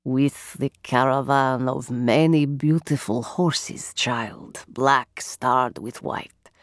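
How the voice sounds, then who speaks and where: Old female fortune-teller, audiobook, deep, softly rasping, hushed, slow, cryptic. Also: steady tone, dry recording, studio quality. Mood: coaxing. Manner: slow, hushed, chanting litany. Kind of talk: audiobook character voice.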